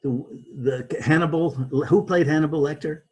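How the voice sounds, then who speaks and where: A man being interviewed as a guest, talking in a halting way with many restarts and repeated words. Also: fairly high pitch, a little mellow, slightly rough. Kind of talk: conversational interview.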